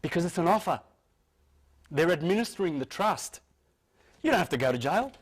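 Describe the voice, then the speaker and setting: A man's voice: a little high, very animated, moderate pace, slightly rough. A man giving an informal, earnest talk to a live audience. He often stumbles, restarts and repeats words as he explains. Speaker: speaker addressing an audience.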